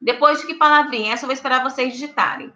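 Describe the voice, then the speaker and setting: A woman's voice: sits high, racing, pushed and bright. A woman teacher with a Brazilian accent, giving an online grammar lesson and checking in with her students often. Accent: Brazilian Portuguese. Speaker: writing teacher. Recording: echoey room, slightly dull audio.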